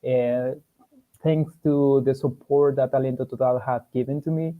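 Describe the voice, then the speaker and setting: A man from Venezuela introduces himself as a law student, speaking hesitantly with restarts. His voice stays flat in pitch. The call audio is thin and phone-like. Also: normal speed. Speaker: program fellow and law student. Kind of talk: self-introduction on a video call. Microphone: video call.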